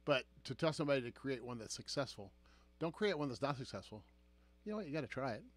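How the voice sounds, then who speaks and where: A man co-host, trading snarky asides in easy chat. His pitch swings widely, rising and falling through every sentence. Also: expressive, fast talker. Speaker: podcast co-host. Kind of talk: casual chat.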